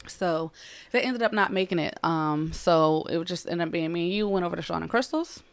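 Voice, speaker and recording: A woman's voice: fairly low pitch, a little fast, clear, resonant tone, dry recording. A woman co-hosting a podcast at home, telling a rambling story in casual chat. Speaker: podcast co-host.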